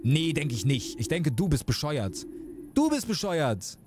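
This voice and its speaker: A man's voice: on the high side, big pitch swings, unhurried, darkish tone, a little hiss or hum. Man doing a bragging little boy. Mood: squabbling. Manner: taunting, childish squabbling.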